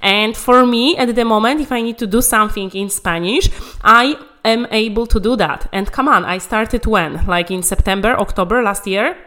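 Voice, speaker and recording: Pushed and bright, her mid-range voice moves at a moderate pace. She's an English conversation coach whose native tongue is Polish, giving an emphatic, encouraging motivational talk about language learning and repeating the key phrases.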